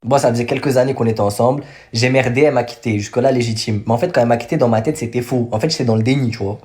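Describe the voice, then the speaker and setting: A man's voice: mid-range voice, rapid-fire, a little mellow. A young man with a cold, telling a slangy personal story to camera and laughing at himself. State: stuffy with a cold. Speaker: vlogger. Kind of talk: casual storytime.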